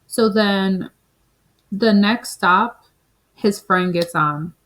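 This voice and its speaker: A woman's voice: medium pitch, extremely slow, fairly bright tone, low-quality recording. A woman in her thirties from the Caribbean, telling a personal story in a chatty, reflective way, full of "like" and "you know". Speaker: spiritual vlogger.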